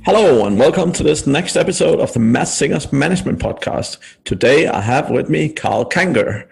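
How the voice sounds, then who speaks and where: A man's voice: a little high, expressive, normal speed, vocal fry, husky, soft background music, low-quality recording. A man hosting a business podcast, asking loose, rambling questions with a joking streak. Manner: jokey, asks rambling questions. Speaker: podcast host. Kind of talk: casual interview.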